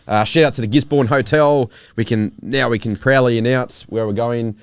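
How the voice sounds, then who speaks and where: A man's voice: medium pitch, steady tone, normal speed, clear, resonant tone. A man with an Australian accent, co-hosting a casual sports podcast in a laid-back way. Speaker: podcast co-host. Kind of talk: casual pub-style chat.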